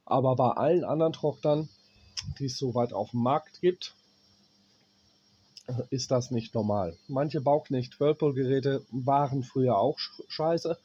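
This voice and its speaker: This appliance repairman is German, blunt and down with a cold, coughing through a slow, hands-on explanation of a repair. His medium-pitched voice is dark and husky, with the highs cut off. He curses cheap gear and stops as he works, talking to himself over the parts.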